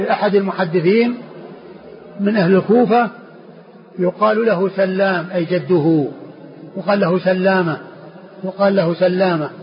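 A high-voiced man teaching as a sheikh, working slowly through a classical text. He repeats phrases and restarts words as he explains. The recording is dull and lo-fi, with a faint hiss behind him.

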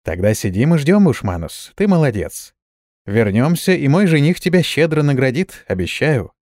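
A man's voice: medium pitch, big pitch swings, normal speed, a little mellow, no room sound, studio quality, lightly acted. A man reading the lines of an impatient, stern female warrior who gives curt orders. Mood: reassuring. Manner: curt, commanding.

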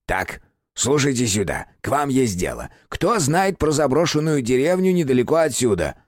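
Man playing a cranky shaggy house spirit, creaky, higher than his own voice, grumbles a lot, dry storybook read. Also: big pitch swings, moderate pace, no echo. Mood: businesslike. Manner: grumbling, irritable.

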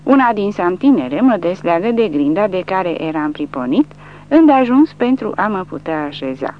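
A woman narrating a war novel in an audiobook, her pitch rising and falling animatedly on a fairly low voice. The reading is dramatic and scripted. The recording sounds dull and lo-fi, with a faint hum underneath. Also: big pitch swings.

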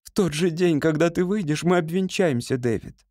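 A man's voice: a little high, moderate pace, darkish tone, dry recording, clean studio sound, pitched above the performer's own voice, natural voice. A man voicing a young woman who pleads emotionally with her beloved in an audiobook reading. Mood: tender.

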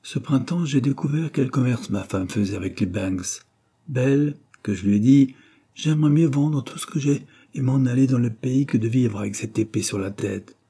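A man's voice: medium pitch, normal speed, warm tone, breathy edge, voice pushed up. A man reading an audiobook, voicing a stubborn, emphatic unemployed working man. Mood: determined. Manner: emphatic, determined.

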